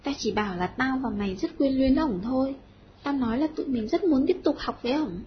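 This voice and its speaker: A woman's voice: high-pitched, brisk, slight background noise, close to an everyday voice. A woman voicing a timid, flustered schoolboy who pleads his case. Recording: dull lo-fi audio.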